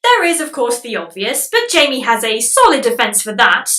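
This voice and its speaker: A woman narrates a comedic film review with sarcastic, sweary exasperation. Her voice is high and bright. The recording sounds roomy, with the mic a little distant. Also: big pitch swings, moderate pace.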